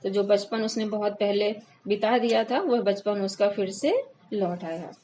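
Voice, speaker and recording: A woman teacher reading a poem aloud slowly and explaining it line by line for students. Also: mid-range voice, warm tone, a little hiss or hum, poor audio. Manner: reads verses slowly, then explains line by line. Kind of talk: Hindi poetry lesson, reading and explaining.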